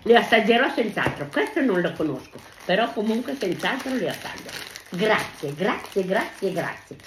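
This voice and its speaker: A woman's voice: mid-range voice, sing-song, moderate pace. An older woman, a grandmother, talking in a casual home video; she is effusive, repeats her thanks over and over and breaks into sing-song exclamations. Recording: echoey room with faint noise.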